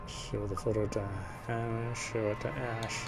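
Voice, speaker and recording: Over loud music, a male game streamer reads a visual novel aloud with side comments, occasionally stumbling on a line and repeating words. His voice is fairly low, level, unhurried and creaky.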